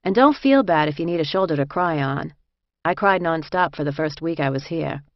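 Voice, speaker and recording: A woman's voice: low voice, animated, moderate pace, dry recording, dull audio. A woman voicing a friendly young female inmate who chats casually and reassures a newcomer. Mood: reassuring.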